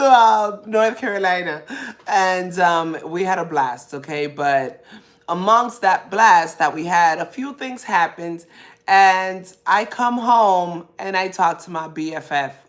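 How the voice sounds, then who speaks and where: A woman hosting a podcast, telling a personal story in a chatty, animated way and acting out the voices of the people she quotes. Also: mid-range voice. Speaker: podcast host. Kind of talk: casual storytelling.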